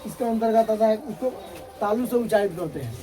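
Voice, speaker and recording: In a classroom with pupils, a male teacher drills sounds aloud during a grammar lesson, having students repeat and checking their answers. His voice sits high and his delivery is brisk, and the recording is rough.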